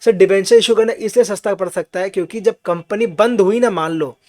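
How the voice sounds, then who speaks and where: Male finance tutor, high voice, patient lecturer, poses questions and checks in with students. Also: a little fast, darkish tone. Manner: mixes English phrases into his talk. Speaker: finance teacher. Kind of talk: online class lecture.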